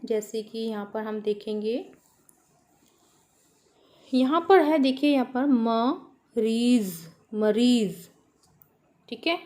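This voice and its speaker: A primary school teacher with a slightly high, slightly mellow voice runs a children's worksheet lesson. She asks questions and answers them herself, spelling out words with careful pronunciation.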